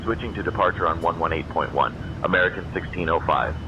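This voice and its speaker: Very deep, brisk male copilot on the radio. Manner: clipped, procedural. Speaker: airline first officer on radio. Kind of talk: radio readbacks to air traffic control. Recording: dull, noisy cockpit radio audio.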